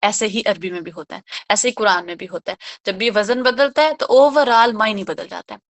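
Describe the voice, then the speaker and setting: A woman teaching a religious lesson, patiently explaining each word and often checking that her students follow, with English words mixed into her speech. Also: mid-range voice. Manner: patient, repeats 'theek hai?' to check understanding. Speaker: Quran teacher.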